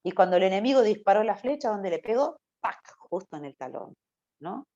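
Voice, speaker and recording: A woman's voice: mid-range voice, very animated, a little fast, dark tone. Woman preaching with a River Plate accent. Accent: Rioplatense Spanish. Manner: conversational, often asks "¿no?". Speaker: youth preacher. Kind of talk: sermon. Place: church. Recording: dull lo-fi recording.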